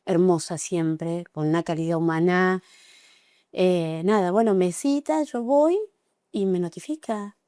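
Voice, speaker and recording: A middle-aged Argentine woman giving an emotional, halting personal account as an interview guest, with frequent restarts. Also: fairly low pitch, warm tone, smooth, no room sound, studio quality. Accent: Argentine Spanish. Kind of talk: personal testimony in conversation.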